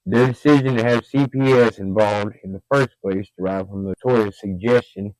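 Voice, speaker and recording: Low-voiced man narrating a haunting. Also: fairly even intonation, moderate pace, a little mellow, no room sound, rough recording. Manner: profane, conversational, with fillers and emphatic bursts. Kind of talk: casual storytelling narration.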